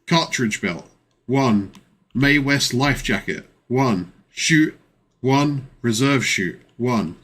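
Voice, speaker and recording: A man's voice: medium pitch, expressive, slow, a bit bright. A man voicing a male army quartermaster in a tabletop game, reading out a gear checklist item by item. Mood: matter-of-fact.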